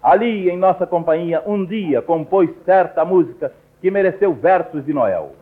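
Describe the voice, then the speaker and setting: A man with a Brazilian Portuguese accent, narrating a radio program in a solemn, measured storytelling manner. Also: high-pitched, lively intonation. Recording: narrow, tinny old radio recording.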